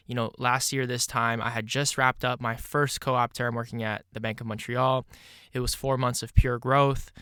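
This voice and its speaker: A man's voice: mid-range voice, sharp tone, clean tone, dry recording. Early-20s guy doing a solo podcast, kinda stuffy nose, dry close mic, chill rambling. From Canada. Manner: casual, reflective, many "you know" fillers. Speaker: podcast host.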